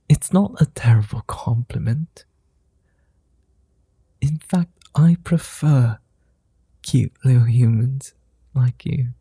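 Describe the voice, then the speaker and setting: A man performs a kind-hearted, flirty vampire for an ASMR roleplay, lingering over each word in a soft, tender, teasing murmur. The voice is medium-pitched yet very dark, gravelly and husky, exaggerated in style, and captured close and dry without any room sound.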